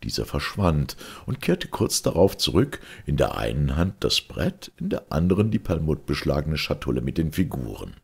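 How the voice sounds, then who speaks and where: A deep, gravelly male voice tells a first-person story in measured audiobook narration. His pitch moves lively through the sentences, and the tone is husky and grainy. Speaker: reader of his own story.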